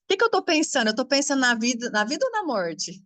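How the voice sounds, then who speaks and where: A Brazilian woman with a somewhat high voice gives a casual astrology talk. She is animated and frank, with blunt, salty asides. The sound is close and dry. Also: quick pace, dry recording. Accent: Brazilian Portuguese. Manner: animated, frank, swears freely, laughs often. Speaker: spiritual coach teaching astrology. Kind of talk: casual spoken talk to an audience.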